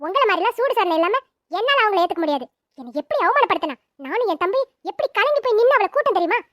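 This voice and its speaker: A woman voicing a sharp-tongued old grandmother in a cartoon family drama, with loud and scolding speech. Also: very high voice, lively intonation, very fast, no room sound, studio quality, exaggerated voice. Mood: bitter scolding. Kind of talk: cartoon dubbing.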